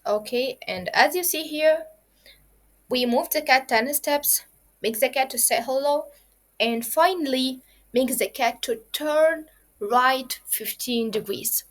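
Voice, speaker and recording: Speaking slowly, an Arabic-native woman introduces kids to the fundamentals of coding. She has a somewhat high voice, breaks every idea into steps, says it again, and fills the gaps with many fillers.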